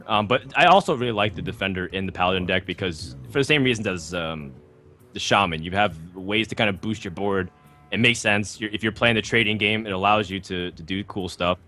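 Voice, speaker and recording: Low-voiced analytical male caster. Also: fairly quick, bright, forceful tone. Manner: thoughtful analysis with frequent fillers. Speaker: esports commentator. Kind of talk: live game commentary.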